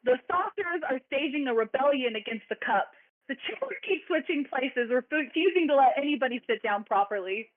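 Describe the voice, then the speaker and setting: A woman runs a whimsical tabletop game as its dungeon master, slightly high-voiced and quick to laugh. Her narration is full of fillers. The sound is dry and narrow, like a phone line. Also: animated, dry recording. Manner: playful, laughing, with frequent fillers.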